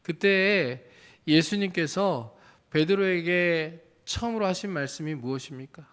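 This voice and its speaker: A pastor with a slightly high voice delivers a sermon in a church. He speaks in an earnest, searching way and keeps turning to his congregation with direct questions. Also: measured pace, a bit bright.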